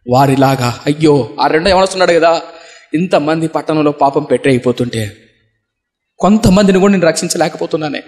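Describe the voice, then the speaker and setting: A young man preaching a sermon, impassioned, acting out the voices of people in his story and swinging from soft speech to shouting. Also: high-pitched. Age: young adult.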